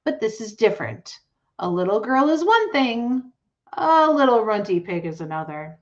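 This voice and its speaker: A woman voicing a gentle but firm farmer father in a storybook, in a measured, patient way. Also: on the high side, very animated, dull audio.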